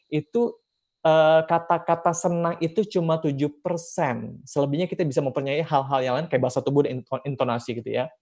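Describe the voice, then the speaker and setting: A man with an Indonesian accent and a slightly high voice gives a seminar talk to parents and teachers. He speaks with energy, keeps asking himself questions and then answering them, and now and then acts out little snatches of dialogue. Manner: lively, emphatic, with rhetorical questions and acted-out quotes.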